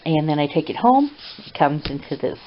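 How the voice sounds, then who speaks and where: A woman talking in a casual home vlog, halting, with many pauses and fillers, recorded indoors at home on a camera mic. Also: sits low, very animated. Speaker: vlogger. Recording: dull lo-fi home video with hiss.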